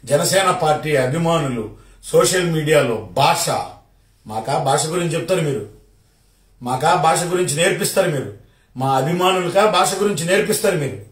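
A man's voice: fairly high pitch, normal speed, roomy sound, far from the mic. A man from Kadapa with a Rayalaseema Telugu accent, firing sarcastic rhetorical questions at a minister in a confrontational political rant. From Kadapa district, Rayalaseema, India. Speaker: party supporter.

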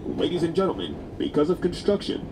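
Man doing a slow deadpan subway announcer. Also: fairly high pitch. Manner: slow, flat announcer delivery. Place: moving subway car. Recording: loud subway train noise.

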